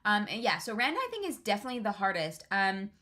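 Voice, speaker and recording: A young woman co-hosts a casual livestream in a chatty way, full of fillers. Her voice sits at a middling pitch with a bright edge. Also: big pitch swings, fast talker. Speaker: co-host.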